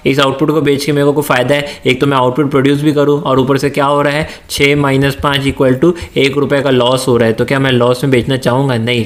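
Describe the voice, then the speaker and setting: A male teacher giving a lecture, asking his students questions and answering them himself, mixing English terms into his speech. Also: medium pitch. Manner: slips into Hindi-English mix. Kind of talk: classroom lecture.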